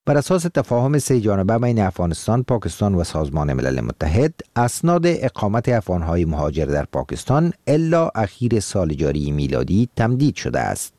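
Reporter guy, voice goes up and down a lot, mellow tone, dry studio sound. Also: sits low, few pauses, dry recording. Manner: formal, lively intonation. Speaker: radio reporter. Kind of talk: read news report.

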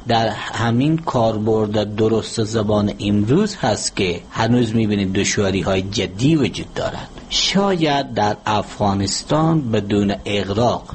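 A man, speaking as a language expert in an interview and explaining spelling and grammar in a measured, teacherly way with worked examples. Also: on the low side, darkish tone, a little hiss or hum. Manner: measured, didactic, gives word examples. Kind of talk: formal explanatory interview answer.

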